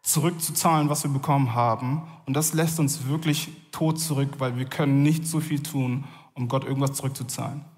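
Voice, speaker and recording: A man giving a sermon in a casual, conversational way, often pausing with fillers. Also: medium pitch, fairly even intonation, darkish tone, in a large hall. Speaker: preacher.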